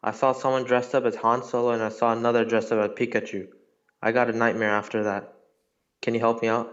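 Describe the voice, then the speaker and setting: A male caller telling the host a rambling, deadpan nonsense story. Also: medium pitch, brisk, highs cut off.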